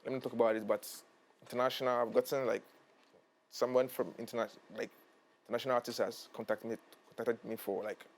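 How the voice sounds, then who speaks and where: A man's voice: mid-range voice, steady tone, quick pace, a little mellow. A young man from Ghana, a musician guest, speaking earnestly and hesitantly, often repeating himself. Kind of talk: casual interview chat.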